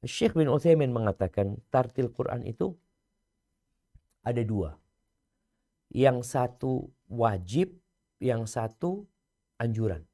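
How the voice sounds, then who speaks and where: A man giving a religious lecture, swinging from loud emphasis to hushed, near-whispered lines and chanting scripture slowly. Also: medium pitch, expressive. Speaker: preacher.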